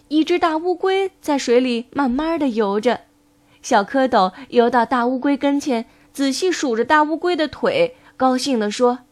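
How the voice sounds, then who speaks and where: High-voiced woman reading a children's story. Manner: gentle, expressive read-aloud.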